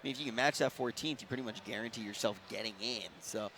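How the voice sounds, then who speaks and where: A young man commentating a live esports match with excitable energy and a slightly strained voice. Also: mid-range voice, quick pace, slight background noise. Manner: energetic, excitable, talks over co-host.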